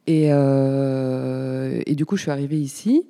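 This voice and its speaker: A woman in her fifties from Paris, talking as a guest in a casual radio interview, chatty and pausing often with fillers. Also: a bass voice, fairly even intonation, dark tone, long reverb tail. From Paris, France. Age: 50s. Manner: chatty, hesitant with many fillers. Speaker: guest, community space coordinator.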